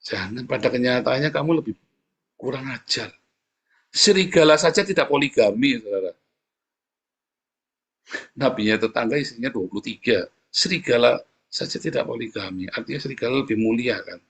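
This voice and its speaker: Husky-voiced preacher, animated sermon. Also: male voice, normal speed, long pauses. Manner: animated preaching, pitch leaping up for emphasis; often addresses the congregation as "saudara". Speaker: pastor.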